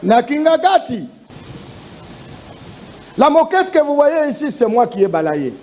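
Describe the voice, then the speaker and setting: A man, preaching emphatically in short phrases and rising to shouted exhortations. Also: very high-pitched, big pitch swings, a little slow, a little hiss or hum. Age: 60s. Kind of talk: sermon with interpreter.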